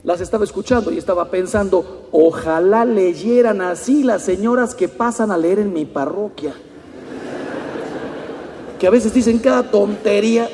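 A Mexican priest in his fifties giving an animated talk, telling anecdotes and acting out the people in them. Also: high-pitched, normal speed, few pauses, slight background noise. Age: 50s. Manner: storytelling, animated, mimics people in quotes. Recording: long hall reverb.

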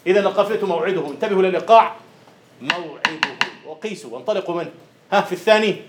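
Male lecturer, slightly high voice, drills students on meter in an echoing room. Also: rapid-fire, background noise. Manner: questions students and chants rhythm syllables. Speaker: university lecturer. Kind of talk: classroom lecture on poetic meter. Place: classroom. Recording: roomy classroom echo.

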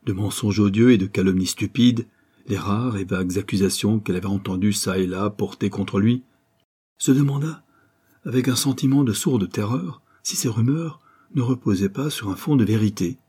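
A man narrating a classic novel as an audiobook, with measured, dramatic storytelling. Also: lowish voice, dark tone, husky.

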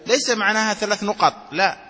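A man's voice: high-pitched, quick pace, sharp tone, breathy edge. A man teaching Islamic law to a class, reading a text aloud and explaining it, often checking that his students follow. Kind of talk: classroom lecture on a fiqh text. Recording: hall reverb.

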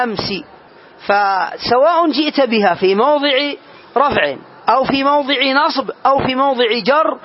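A man teaching a classroom grammar lesson, quizzing his students and slowly spelling out each example. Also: very high voice. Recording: dull lo-fi lesson recording.

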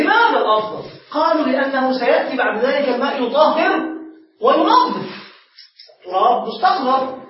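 A sheikh with a very high voice lectures at a brisk clip, putting questions to his class and then answering them. He is picked up from a distance in a very echoey room. The sound is dull and lo-fi, with faint noise underneath.

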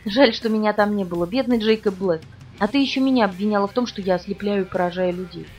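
A brooding young-looking male vampire, as a woman reads him speaks with cool, guarded irony in an audiobook. He talks briskly, captured from a little way off the mic. Soft music plays faintly underneath. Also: mid-range voice, distant mic, lightly acted. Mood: mocking. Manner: calm and guarded, with dry irony.

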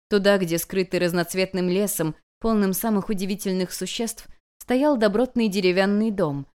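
A woman reading a fantasy story aloud as an audiobook narrator, in an expressive, flowing manner. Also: medium pitch, clear, resonant tone.

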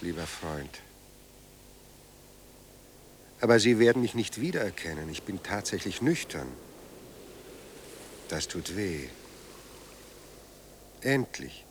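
In a radio drama, an actor with a lowish male voice plays a sardonic, bitter dead writer who is newly sober. He speaks with ironic, theatrical eloquence and a wry mood, over slight background noise.

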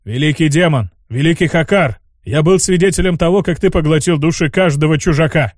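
A solemn old troll chieftain, read by a man, fawning yet wily, with ceremonious speech pitched a little high. The audiobook voice is close and dry. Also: a little fast, no room sound, close to an everyday voice. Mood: reverent.

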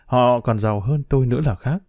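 A man narrating a novel as a first-person diary, reading in an expressive, emotional way. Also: medium pitch, a little fast, no echo. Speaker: audiobook narrator.

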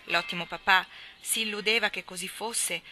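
Bright-voiced woman reading a classic novel. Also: medium pitch, faint music behind. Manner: measured, expressive storytelling. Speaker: reader.

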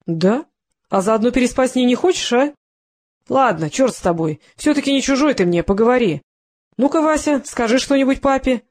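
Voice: mid-range voice, expressive, normal speed, voice pushed up, close to an everyday voice. An audiobook reader voicing a menacing man who taunts his captive, in a sneering, mocking manner. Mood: taunting.

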